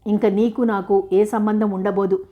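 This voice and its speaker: A woman's voice: medium pitch, level tone, unhurried, phone-quality sound, lightly acted. A woman voicing a feverish, jealous young woman who speaks reproachfully. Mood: bitter. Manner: reproachful, accusing.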